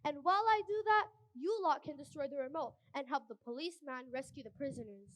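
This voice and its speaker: A calm, commanding grandmother figure played by a female actor in a high voice. The sound is dry and close, in children's musical style. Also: brisk, no room sound, close to an everyday voice. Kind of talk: children's musical theatre acting.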